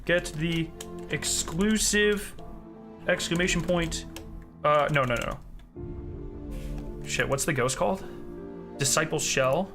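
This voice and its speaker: A man's voice: a little high, slow pace, pauses often, over music. A man chatting casually on a live stream as its host, in an informal, rambling way. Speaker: streamer hosting a charity fundraiser.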